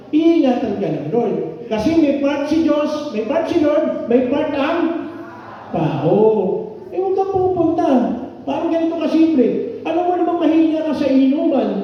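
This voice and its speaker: A man's voice: very high-pitched, slight background noise. An older man preaching a Sunday sermon in a conversational way, often asking the congregation questions, in a church hall. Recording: echoey, dull hall sound from far off.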